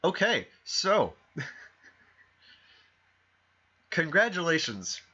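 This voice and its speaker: Bright-voiced man running a tabletop game. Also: fairly high pitch, very animated, extremely slow, husky. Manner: rambling, self-correcting, fillers and restarts. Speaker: game master. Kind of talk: narrating a tabletop game over stream. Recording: dull lo-fi stream mic.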